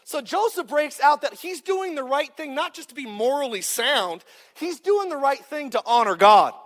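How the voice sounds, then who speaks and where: A man in his thirties delivers a sermon in a very high voice. He is joking and punchy, and he calls out to the congregation. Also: sing-song, normal speed, a bit bright. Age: 30s. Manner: joking, punchy preaching with call-outs to the crowd. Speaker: pastor.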